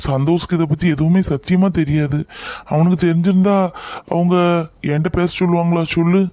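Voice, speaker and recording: A man acts out a worried older brother who keeps pleading and reassuring his sister in a homemade family skit. His voice sits a little high and anxious. The sound is close and dry, with no room echo. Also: flat delivery, fairly quick, mellow, lightly acted. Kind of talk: amateur family skit acting.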